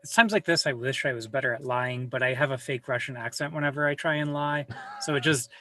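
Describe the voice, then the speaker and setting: Recorded at home in a room with a server rack, a guest on a video call chats casually, rambling, self-deprecating and swearing now and then. The voice is medium-pitched and fairly bright, and the speaker talks fast.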